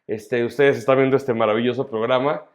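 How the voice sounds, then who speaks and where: A man's voice: mid-range voice, fairly even intonation, a little fast, a loud crowd. Playful Mexican man in a roomy echo. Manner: playful, upbeat. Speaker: podcast co-host. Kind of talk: casual chat.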